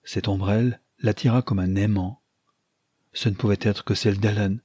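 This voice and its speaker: A man narrating an audiobook in a calm, measured reading. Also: fairly low pitch, breathy edge, no echo, studio quality.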